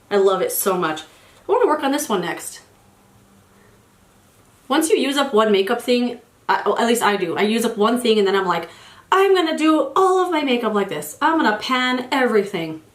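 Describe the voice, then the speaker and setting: This beauty vlogger, an American woman in her forties, speaks at a normal speed with a slightly high voice and lively intonation. She's casually chatting while putting on makeup for a get-ready-with-me video, a little congested post-cold, rambling and restarting lines in an echoey room.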